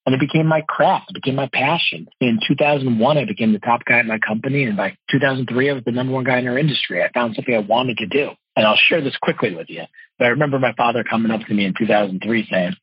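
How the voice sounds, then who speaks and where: On a lo-fi podcast with dull, dry audio and no room sound, a man from New Jersey in his forties shares his life story as a guest. He works as a financial wholesaler and speaker. His medium-pitched, breathy voice moves fast, earnest and expressive as he tells it.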